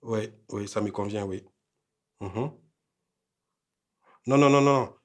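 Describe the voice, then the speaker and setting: A man's voice: lowish voice, takes it slowly. An actor with a Burkinabè French accent, playing an arrogant newly rich husband who talks down to his wife. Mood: polite. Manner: curt and scornful at home, polite on phone.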